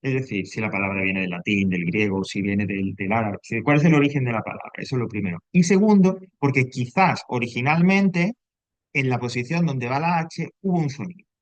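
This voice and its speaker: A man's voice: medium pitch, fairly quick, no room sound. Man, Andalusian accent, teacher explaining grammar, checks in with students, dry muffled recording. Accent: Andalusian Spanish. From Andalusia, Spain. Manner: explanatory, keeps checking with "right?".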